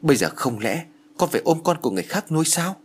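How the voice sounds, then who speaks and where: A timid young wife speaks haltingly, her voice worried and wavering, as a man puts her on. A faint breathiness runs through it. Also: on the high side, sing-song, husky, pitched above the performer's own voice. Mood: hesitant. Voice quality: hesitant, anxious.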